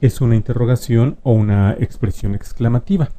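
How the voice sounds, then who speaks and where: A man explaining spelling rules in a lesson, patiently addressing the viewer directly and drawing out example words slowly. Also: mid-range voice, mellow. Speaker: language teacher.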